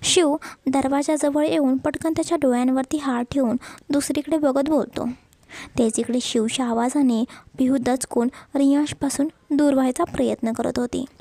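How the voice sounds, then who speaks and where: A woman's voice: sits high, gravelly, warm tone, dry recording. A woman narrating a romance story.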